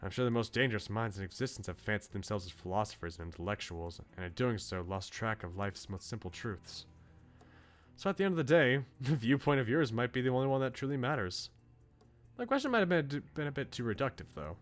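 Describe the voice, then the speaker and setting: Reading as a visual novel's philosophical, articulate student with politely held opinions, a man speaks at medium pitch with big swings, fairly quickly and with light acting. He sounds musing, ready to concede a point, while music runs in the background.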